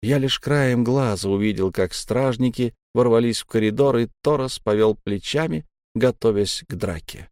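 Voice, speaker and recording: Man narrating a tense audiobook with a dark tone. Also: mid-range voice, normal speed, few pauses, no room sound, studio quality.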